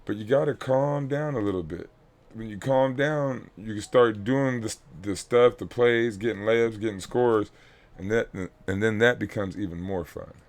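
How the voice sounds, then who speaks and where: A man's voice: on the low side, moderate pace. A man coaching a youth basketball team, breaking down game film for his players in a blunt, instructive way and repeating key points.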